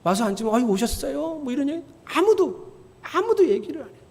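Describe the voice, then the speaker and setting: Man, middle-aged, pastor, sermon, high voice, animated storytelling, emphatic near-shouts, long church hall reverb. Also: fast. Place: church sanctuary.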